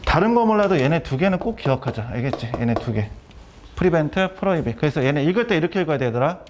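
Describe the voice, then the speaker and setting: Middle-aged male lecturer, slightly high voice, brisk and repetitive, light hiss under the voice. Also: very animated. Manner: brisk, repeats key terms, quizzes students. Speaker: academy director teaching vocabulary.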